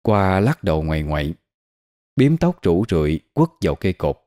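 A man giving scripted horror narration in a dramatic, expressive way. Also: low-pitched, moderate pace.

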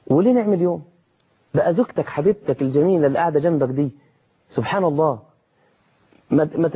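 Egyptian male preacher, quick husky delivery, mellow tone, dramatic pitch jumps. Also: rough recording. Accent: Egyptian Arabic. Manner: animated, dramatic, rises sharply in pitch for emphasis. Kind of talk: colloquial sermon.

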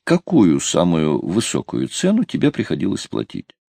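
A man's voice: deep voice, wildly swooping pitch, normal speed, vocal fry, dark tone, breathy edge, no echo, exaggerated voice. A man reading an audiobook, voicing a coy, stubborn young woman. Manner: hesitant, teasing.

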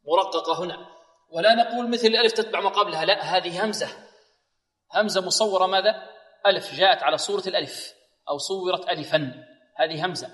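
A man teaching Quran recitation to students, asking them questions and reciting examples slowly and carefully. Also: sits high, fairly bright tone, in a large hall. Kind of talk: tajweed lesson with slow demonstrations.

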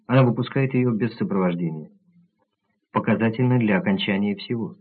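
A man reading the part of a calm, analytical doctor who lays out his reasoning methodically, in a husky low voice on tinny audio. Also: a little fast. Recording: tinny narrow-band audio.

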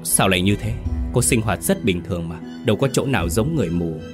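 A man's voice: lowish voice, animated, fast, music in the background, natural voice. A man voicing a bewildered young man in a ghost story, talking urgently and questioningly.

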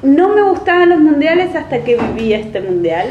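A woman's voice: sits high, sing-song, normal speed, muffled recording, background noise. A woman from Santiago del Estero, a photojournalist answering questions chattily in a casual group interview. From Santiago del Estero, Argentina. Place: cultural centre room. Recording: roomy, echoey room.

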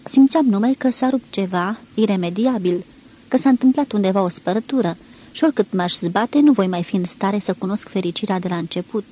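A woman narrating a literary novel aloud in a measured, expressive reading, with a husky voice. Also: medium pitch. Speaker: audiobook reader.

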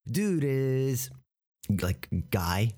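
A man's voice: mid-range voice, sing-song, very slow, mellow. An American man teaching English vocabulary, patiently breaking words into pieces and spelling them out for a learner. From United States. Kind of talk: explaining vocabulary from a TV clip.

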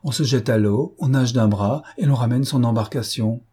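A man's voice: medium pitch, moderate pace, mellow, slightly rough. A man voicing an impish, badly-behaved young noblewoman in an audiobook, teasing and impertinent.

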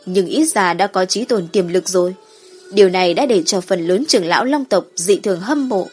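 A woman's voice: medium pitch, moderate pace, a little mellow, husky, faint music behind. A woman reading a scripted fantasy story as an audiobook narrator.

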